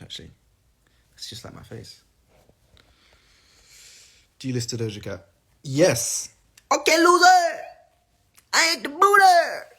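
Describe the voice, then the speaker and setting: A young singer with a lowish, darkish voice reads fan questions aloud and answers them during a phone livestream. His manner is casual, rambling, and playful.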